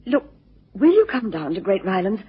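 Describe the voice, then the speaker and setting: In a radio drama, an actress plays a distressed, genteel wife, hesitant and pleading as she seeks help, her mood anxious and beseeching. Her medium-pitched, breathy-edged voice swings widely in pitch at a normal speed, heard through a muffled lo-fi radio recording.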